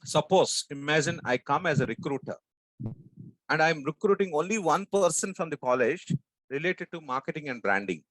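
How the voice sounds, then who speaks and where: A man of about sixty with a strong South Indian Telugu accent from Andhra, giving an emphatic training talk in short, deliberate phrases with rhetorical questions. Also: on the high side, lively intonation, a bit bright, no echo, poor audio. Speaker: sales trainer and business coach. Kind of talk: motivational training talk to an audience.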